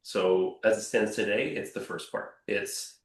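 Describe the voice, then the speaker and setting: The founder of a robotics company answers a panel question in a lowish, unhurried voice, speaking with energy and emphasis and often repeating his words. He's off-mic in an echoey room.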